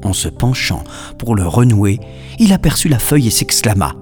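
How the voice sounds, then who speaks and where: A man narrating a children's story in an expressive, storytelling manner. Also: on the low side, moderate pace, faint music behind.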